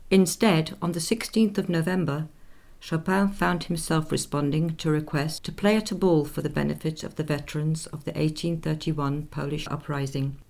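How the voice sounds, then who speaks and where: An actress playing a dignified nineteenth-century Swedish opera singer in a radio play, speaking in a measured, formal, reflective way. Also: female voice, sits low, darkish tone. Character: Jenny Lind, composed, dignified Swedish opera singer of the 1840s.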